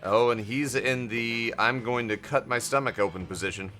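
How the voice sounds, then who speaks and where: A man's voice: medium pitch, normal speed, sharp tone, soft background music. A man giving casual commentary as he plays through a video game. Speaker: gamer commenting on a playthrough.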